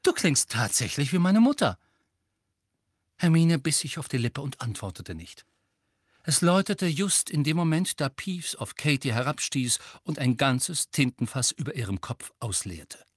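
A man narrating an audiobook in a calm, even storytelling manner. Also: mid-range voice, normal speed, no echo, studio quality.

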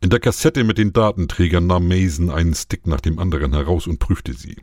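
A man narrating a science-fiction story in a measured, even way. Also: sits low, no echo, studio quality. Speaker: audiobook narrator. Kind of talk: scripted narration.

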